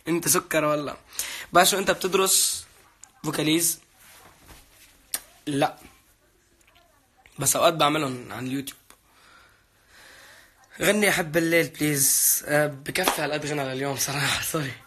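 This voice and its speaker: Young guy w/ a chatting live w/ fans, bright voice, a bit high. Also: fairly quick, pauses often, breathy edge. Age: young adult. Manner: chatty and playful, reads out fan names and thanks them. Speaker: livestream host answering viewer comments. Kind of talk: casual live chat.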